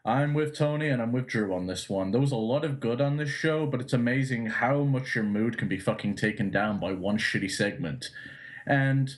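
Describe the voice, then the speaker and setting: A man's voice: mid-range voice, normal speed. A man co-hosting a live podcast, ranting bluntly and swearing freely. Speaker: podcast co-host. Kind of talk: live post-show chat.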